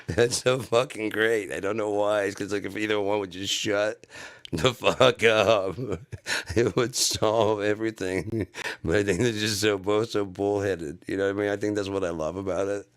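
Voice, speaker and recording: A man's voice: fairly low pitch, steady tone, moderate pace, smooth. A man in his forties rambling casually and profanely, easily amused, with a slight whistle on his S sounds. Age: 40s.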